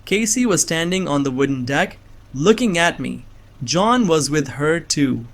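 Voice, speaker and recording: Speaking a little slowly in a slightly high, expressive voice, a young adult man narrates in first person, with dialogue, as a bewildered innocent who has been framed as an assassin in a scripted drama.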